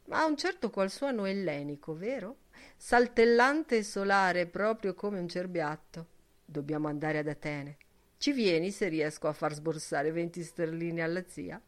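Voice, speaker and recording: A woman's voice: fairly low pitch, a little slow, close to an everyday voice. A woman reading an audiobook, voicing a jovial, mocking young man who teases and mock-preaches. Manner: mock-preaching, boisterous, teasing.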